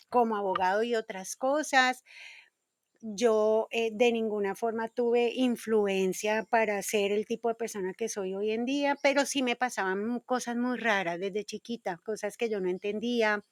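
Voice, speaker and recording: A woman in her fifties from Colombia with a Colombian accent, a podcast guest telling her story gently and reflectively. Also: mid-range voice, dry recording. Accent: Colombian Spanish. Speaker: guest, intuitive communicator.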